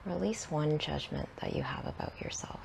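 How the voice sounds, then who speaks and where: A deep-voiced woman whispers her way through a guided meditation. Her delivery is gentle and unhurried, with short phrases, long pauses, and soft, breathy endings.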